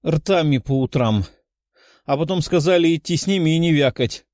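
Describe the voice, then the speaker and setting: A man's voice: on the high side, normal speed, darkish tone, no room sound, studio quality, lightly acted. A man voicing a timid, shy young girl in a storybook reading.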